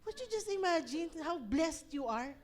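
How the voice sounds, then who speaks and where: Animated high-voiced Filipino woman pastor. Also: moderate pace. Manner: animated, laughing, mixing English into Tagalog. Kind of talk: sermon.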